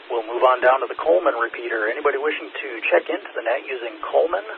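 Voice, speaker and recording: A man running a ham radio net as net control, reading call signs in a steady, procedural way, heard over a scanner radio feed with static. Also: mid-range voice, quick pace, gravelly. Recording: tinny radio band with faint static.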